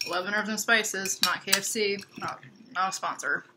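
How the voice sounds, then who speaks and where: A woman's voice: medium pitch, fairly even intonation, normal speed, very noisy. A young woman chatting casually in a home kitchen, easygoing and agreeable, often murmuring along. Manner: easygoing, agreeable, fills with "mm-hmm". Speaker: vlog co-host. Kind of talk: casual chat.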